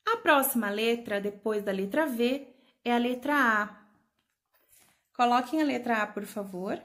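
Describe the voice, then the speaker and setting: Preschool teacher, woman, slow and patient, a touch high, spells out each letter. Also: a bit bright. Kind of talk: slow remote lesson for young children.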